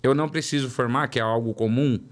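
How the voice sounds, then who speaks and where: In an interview conversation, a guest in his forties from São Paulo, a product development director, narrates his career, repeating words for emphasis. His mid-range voice keeps a fairly even intonation at a quick pace, with a São Paulo Portuguese accent.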